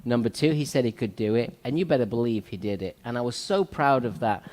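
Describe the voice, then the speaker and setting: A man's voice: mid-range voice, a little mellow. A man hosting a talk show, speaking earnestly and motivationally as a salon owner, repeating his key points. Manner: earnest, repetitive, motivational, with frequent fillers. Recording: long hall reverb.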